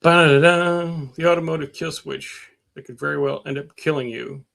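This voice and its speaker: Brisk and gravelly, with a fairly high, steady voice, a middle-aged man chats on a relaxed livestream about his car projects. His talk wanders, full of filler words and self-mockery, and he reads viewer comments aloud.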